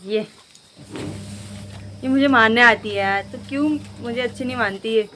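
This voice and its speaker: A woman's voice: fairly high pitch, moderate pace, pushed and bright, a little hiss or hum. A young woman vlogging in a casual, chatty way, talking straight to her viewers as she walks around outdoors in a village. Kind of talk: casual vlog walk-through. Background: faint outdoor ambience with animals.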